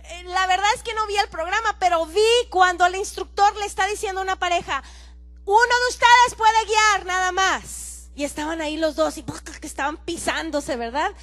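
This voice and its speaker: A woman pastor giving a lively, playful sermon in a church, acting out little scenes and sometimes shouting in mimicry. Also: very high voice, brisk, few pauses. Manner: animated, playful, acts out dialogue and shouts in mimicry.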